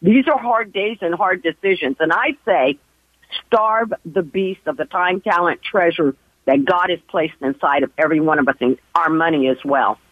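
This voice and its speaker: A woman's voice: lowish voice, normal speed, slightly rough, no room sound. A woman calling in to a radio talk show over the phone, earnestly urging listeners to act. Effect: heard over a phone line. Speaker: caller. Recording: tinny dry phone line.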